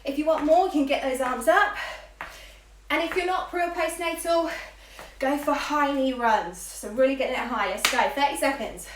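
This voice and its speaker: The voice of this aerobics instructor sits high, and she talks at normal speed while leading a live workout. She calls moves and counts in quick, encouraging bursts. An echoey room, distance from the microphone and faint noise color the recording.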